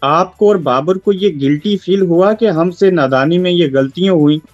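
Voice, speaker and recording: A man with a Pakistani Urdu accent, asking probing, measured interview questions. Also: high voice, no room sound, lo-fi sound, faint music behind.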